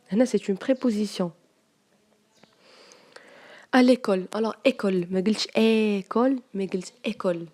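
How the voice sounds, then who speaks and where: A woman teacher with a Moroccan accent, going through French spelling exercises and dictating words slowly. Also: mid-range voice, warm tone.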